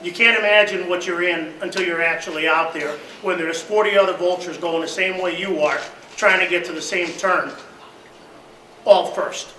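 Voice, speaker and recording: At a memorial service, a man delivers a eulogy, telling stories packed with fillers and growing loud during the boat tales. His voice is high-pitched and steady in tone, at a normal speed. The recording comes from a distance in a roomy hall, with slight background noise.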